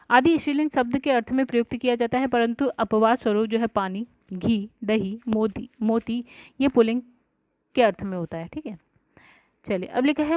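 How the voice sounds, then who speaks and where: A woman with a darkish voice on the high side teaches an exam-prep grammar lesson, talking through each answer aloud and often dropping check-in words like "ठीक है" and "guys". The recording is dry, dull and lo-fi, with no room sound.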